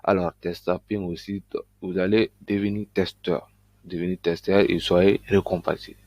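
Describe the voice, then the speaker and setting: A man giving a casual screen-recording tutorial on earning money online, talking in a loose, halting way with frequent fillers. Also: deep voice, little pitch movement, a little mellow, no room sound. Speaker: online business YouTuber.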